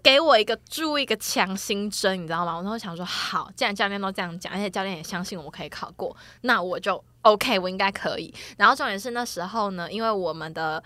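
A quick-talking woman with a bright, forward voice. She co-hosts a casual chat podcast and tells her stories with animated expression. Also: medium pitch, no room sound. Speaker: podcast co-host. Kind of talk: casual chat, personal storytelling.

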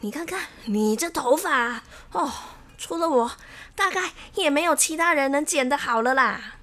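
Lady doing a cocky young barber guy, squeaky high and showy, storybook voice. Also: lively intonation, normal speed, bright, forceful tone, exaggerated voice. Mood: smug. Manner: smug, showy, mocking. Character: boastful conceited young male barber.

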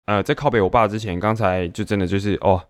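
A young man with a Taiwanese Mandarin accent, venting casually to camera in an animated way with many fillers. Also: lowish voice, fast talker, dry recording, clean studio sound. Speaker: vlogger.

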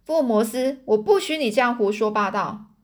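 A haughty, furious old duke, as a woman reads him aloud from a storybook. He scolds in a raised, indignant voice. The pitch sits a little high. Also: brisk, natural voice. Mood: outraged. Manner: indignant and shouting. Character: furious elderly male duke, haughty and easily offended.

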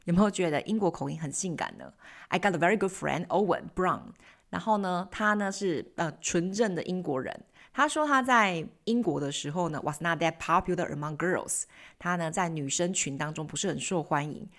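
A woman hosting a bilingual lesson on English news, explaining key words and slipping English phrases into her explanations. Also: lowish voice. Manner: lively explaining, mixing English terms into Chinese. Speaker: language teacher and host.

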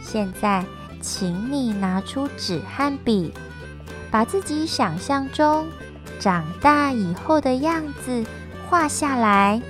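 A woman narrating a children's story in a gentle scripted way, speaking to young listeners. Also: fairly high pitch, animated, over music. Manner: gentle, slow, addressing children.

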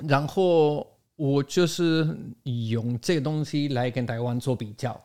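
A man's voice: medium pitch, a little slow, darkish tone. A man speaking as a guest in a casual interview, giving his opinions and explaining them through stories and quoted exchanges. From outside Taiwan.

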